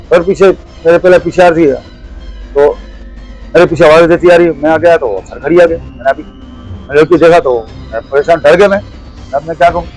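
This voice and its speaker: A middle-aged man from Pakistan telling a personal ghost story as an interview guest, halting and repetitive, often restarting his phrases. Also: on the high side, a little mellow, rough recording.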